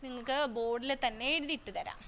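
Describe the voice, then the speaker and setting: A woman teacher with a Kerala accent giving a recorded class to young children, reading English slowly and explaining in quick asides, asking questions and answering them herself. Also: on the high side, steady tone, pushed and bright, slight background noise. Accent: Kerala Indian English. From Kerala, India. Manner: slow careful English, quick Malayalam asides, asks and answers own questions.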